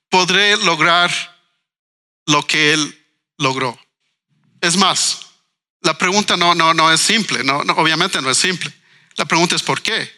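His voice sits high, with a bright, forceful tone. This Ecuadorian writer, educator and cultural manager speaks earnestly as a guest in a panel discussion, posing questions and repeating words while he thinks.

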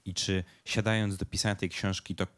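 A man moderates a book launch. He speaks hesitantly, with frequent fillers. His voice sits low. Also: little pitch movement, fairly quick, a bit bright.

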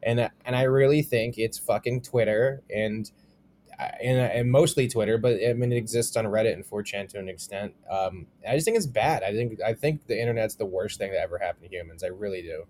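A young adult man, a comedian co-hosting a podcast, telling stories in an animated way and swearing freely. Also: lowish voice, a little fast, a little hiss or hum. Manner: animated storytelling, swears often. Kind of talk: casual chat.

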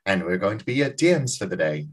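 A man co-hosting a podcast in casual chat, rambling and animated, often restarting his sentences. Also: sits low, fast, breathy edge. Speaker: podcast co-host.

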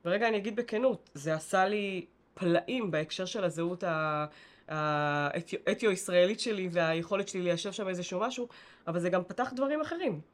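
A woman from Israel with an Israeli accent, a guest talking casually and reflectively, correcting herself as she goes. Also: lowish voice. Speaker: interview guest.

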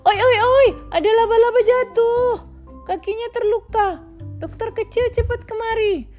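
A woman voicing an excited animal who calls urgently for the little doctor in a storybook. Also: very high voice, normal speed, soft background music, pitched above the performer's own voice. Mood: alarmed. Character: excited animal calling for help, high-voiced.

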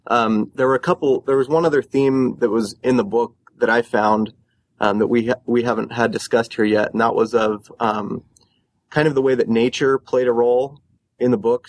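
A man in his thirties calling in over the phone to a podcast discussion, talking in a halting way with many fillers and restarts. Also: medium pitch, no echo, rough recording. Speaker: caller.

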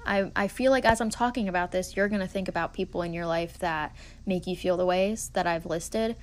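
A woman's voice: lowish voice, a little fast. Woman, twenties, podcast host, casual monologue, earnest, encouraging, chatty. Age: 20s.

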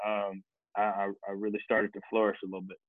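Speaking quickly and in a monotone, this fairly low-voiced man from Kansas City, Missouri, appears as a guest on a laid-back podcast, telling his life story with frequent false starts. The recording is dry, with a thin, phone-like quality.

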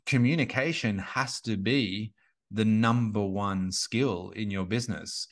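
A man's voice: lowish voice, a little slow, a bit bright. A man in his thirties, a podcast guest and business coach, talking casually and rambling with many restarts and fillers. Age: 30s.

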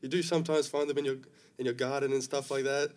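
A young man from Africa speaks. He answers questions in a relaxed, easygoing way, with his pitch held level and unvaried. He sounds calm and unhurried. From South Africa. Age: young adult. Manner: relaxed, easygoing, many fillers. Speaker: guest rugby player. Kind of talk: casual interview chat.

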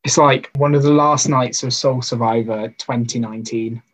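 A man preaches in an easy, conversational way. His voice is husky and slightly hoarse-edged, and it sits at an ordinary middle pitch. He leans on rhetorical questions and personal stories. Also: fairly even intonation, normal speed, low-quality recording. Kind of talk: informal sermon talk.

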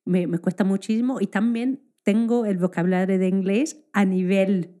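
A woman's voice: mid-range voice, fairly even intonation, normal speed, dark tone. Scottish-born woman speaking Madrid-accented Spanish. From Scotland. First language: English. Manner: chatty, laughs often, uses filler phrases like "en plan". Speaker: guest, English teacher. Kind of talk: casual interview chat.

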